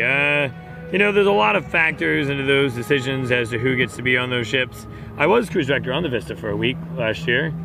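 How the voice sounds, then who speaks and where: Music runs behind a cheerful cruise director as he reads out questions and chats conversationally during a casual Q&A session. His voice is gravelly and medium in pitch.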